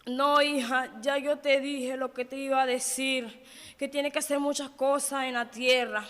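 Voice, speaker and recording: A Venezuelan woman voicing the Lord in her testimony, calm and tender. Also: sits high, unhurried, big-room sound. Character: the Lord, gentle fatherly male divine voice.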